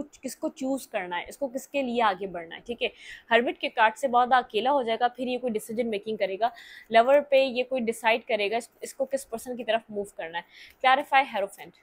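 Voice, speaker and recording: A woman with a Hindi accent giving a tarot reading, explaining each card in a thinking-aloud way and often pausing on fillers. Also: a little high. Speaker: tarot reader.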